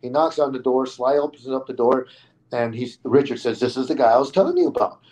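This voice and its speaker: A man's voice: mid-range voice, sing-song, brisk, a little mellow, poor audio. A man speaking as a podcast guest, spinning out a story in an easy, casual way. He stumbles into frequent restarts and repeated words as he goes, and he livens up the tale by acting out the people he quotes.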